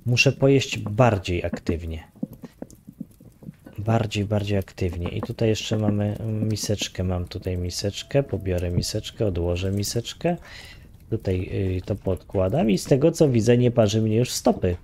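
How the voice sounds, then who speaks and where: A gaming YouTuber with a lowish male voice talks at a moderate pace over background noise. He's doing casual let's-play commentary on his own game, muttering counts and grumbling with some light swearing.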